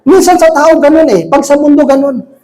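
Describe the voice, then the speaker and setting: A man preaching a casual sermon to a congregation, joking and often checking in with quick rhetorical questions. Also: very high-pitched, a little mellow, low-quality recording. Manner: jokey, asks the congregation frequent rhetorical questions. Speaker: lay preacher. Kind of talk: conversational sermon. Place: church service with a congregation.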